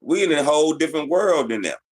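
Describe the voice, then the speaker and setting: A man's voice: fairly high pitch, animated, fast talker. Male sports co-host, casual and emphatic, lectures in slang. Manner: emphatic, preachy asides, slangy.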